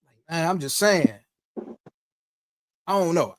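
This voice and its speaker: Laid-back man chatting, slightly high voice. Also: expressive, slow, no echo, studio quality. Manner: laid-back, swears freely, trails off into asides. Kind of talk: casual chat.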